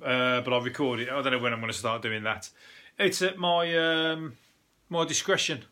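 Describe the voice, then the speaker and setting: Bright-voiced rambling man podcasting. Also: mid-range voice, moderate pace. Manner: rambling, self-deprecating, swears casually. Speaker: podcast host. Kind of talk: casual solo podcast chat. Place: at home.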